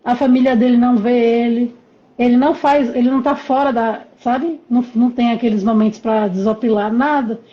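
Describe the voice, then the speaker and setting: A woman consultant explaining calmly during a live stream conversation, heard over a remote call. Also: on the high side, a little fast, highs cut off. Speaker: condominium management consultant, guest.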